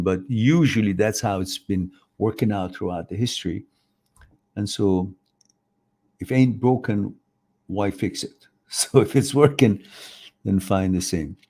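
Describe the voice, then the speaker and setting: A man's voice: fairly low pitch, gravelly, dark tone, husky. Man, live chat host, opinionated, rambling advice, acts out voices. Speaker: host answering viewer questions.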